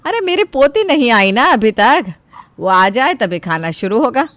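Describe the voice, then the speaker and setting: A woman's voice: a little high, very animated, measured pace, fairly bright tone, dry recording. A woman playing a doting but stubborn old grandmother in a storybook tale, with a commanding, scolding way of talking. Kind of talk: voiced storybook character.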